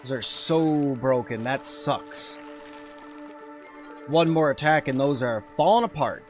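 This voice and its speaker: A man's voice: medium pitch, animated, slow, soft background music. A man streaming a game live, talking casually as he plays and answering chat. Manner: chatty, answers chat while playing. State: eating while talking at times.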